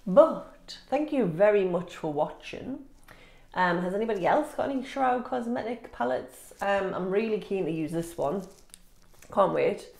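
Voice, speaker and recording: In an echoey room, a beauty vlogger reviews makeup while chatting informally to camera, self-deprecating and audibly sniffly, her voice congested and nasal. It's medium-pitched, gravelly and a little mellow, with lively intonation and an unhurried pace.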